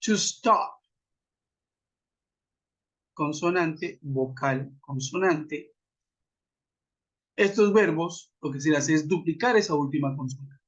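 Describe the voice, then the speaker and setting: Male English teacher, unhurried and methodical delivery, lo-fi web conference audio. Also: a little high. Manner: methodical, spells out letters and rhetorical questions. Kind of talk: online grammar lesson. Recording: dull lo-fi web call audio.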